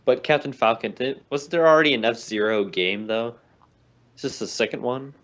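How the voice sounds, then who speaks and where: A male podcast co-host chatting casually about games. He rambles, jokes, and often backtracks on what he just said, in a voice of ordinary pitch. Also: normal speed, a bit bright. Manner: rambling, jokey, self-correcting. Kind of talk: casual chat.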